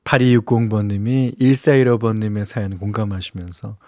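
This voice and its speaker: A man's voice: lowish voice, fairly even intonation, a little fast, warm tone, no echo, studio quality. A man hosting a radio show, reading listener messages in a chatty, conversational way with lots of affirming asides. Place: radio studio. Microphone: studio microphone, close and dry.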